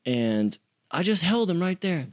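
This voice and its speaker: A man's voice: fairly high pitch, very animated, unhurried, darkish tone. A young man casually telling a story as an interview guest, acting out quotes with slang and swearing.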